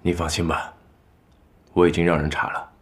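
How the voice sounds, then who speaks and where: A young actor playing a calm, reserved young nobleman who speaks in a steady, measured way in a period TV drama. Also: low-pitched. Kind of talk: dubbed TV drama dialogue.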